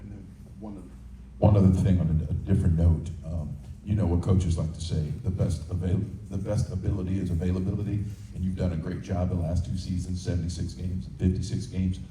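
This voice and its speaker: A man with a deep, very mellow dark voice asks questions as a sports reporter at a press conference. He sounds far from the mic in an echoey room. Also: level tone, a little fast. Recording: echoey room, distant mic, faint noise.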